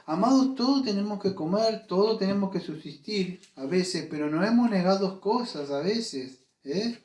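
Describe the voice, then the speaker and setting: A man's voice: sits high, lively intonation, moderate pace, a little mellow, roomy sound. A man preaching a sermon as pastor, emphatic and full of rhetorical questions. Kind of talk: Spanish-language sermon. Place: church.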